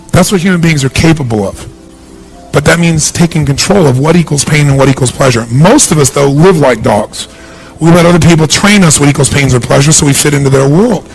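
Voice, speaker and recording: Energetic male motivational speaker, higher voice. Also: vocal fry, rough recording. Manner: punchy, energetic, asks the crowd questions. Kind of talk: live seminar speech to a large audience. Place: large hall with an audience.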